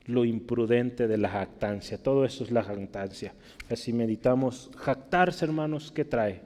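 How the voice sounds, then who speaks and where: A man's voice: medium pitch, warm tone. Mexican man preaching in a reverberant hall. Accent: Mexican Spanish. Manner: conversational teaching, frequent tag questions. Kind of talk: sermon.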